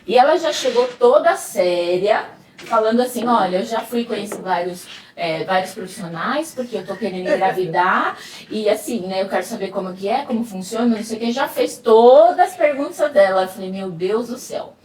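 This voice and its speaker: A woman hosting a casual chat, talking with animated energy, laughing often and quoting patients. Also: mid-range voice, brisk. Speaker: host, clinician at the clinic. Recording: echoey room, distant mic, faint noise.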